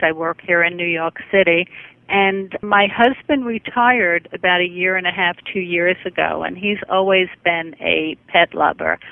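A woman's voice: lowish voice, dry recording. A middle-aged woman, a guest in an interview, chatting effusively and rambling through her stories. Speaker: guest, dog owner. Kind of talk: casual interview chat. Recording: tinny phone-line radio audio.

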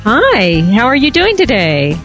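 A woman's voice: a little high, wildly swooping pitch, a little slow, fairly bright tone, soft background music. A woman hosting a radio show, interviewing a guest in a conversational way.

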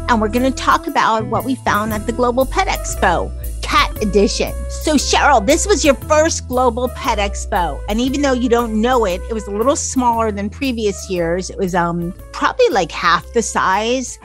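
A woman hosting a show in an upbeat, chatty style, her voice hoarse and nearly gone. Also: fairly high pitch, animated, moderate pace, hardly any pauses, soft background music. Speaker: podcast host.

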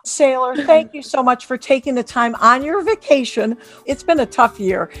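A woman's voice: high voice, normal speed, fairly bright tone, soft background music. A woman hosting a podcast over a video call, talking in a gushing, upbeat way. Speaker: podcast host. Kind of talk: casual interview chat.

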